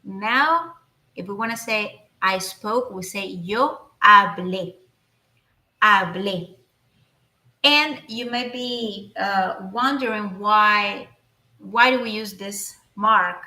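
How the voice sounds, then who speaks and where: A woman teaching an online language lesson, explaining slowly with many fillers and restarts into a computer microphone. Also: mid-range voice, sharp tone, reverberant. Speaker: Spanish teacher.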